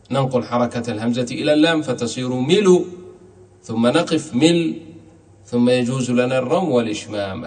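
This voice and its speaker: A man teaching the rules of Quran recitation. He slowly repeats short recited examples to demonstrate how each sound should be pronounced. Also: mid-range voice, a little mellow. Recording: distant mic in a reverberant hall.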